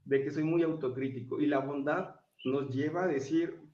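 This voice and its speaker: A man talks earnestly as a guest, explaining his views in a measured, conversational way. His voice sits at a middle pitch, and the recording is dull and muffled with a roomy echo. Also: steady tone, darkish tone, recorded from a distance. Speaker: guest speaker. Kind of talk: casual chat. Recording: dull, echoey sound.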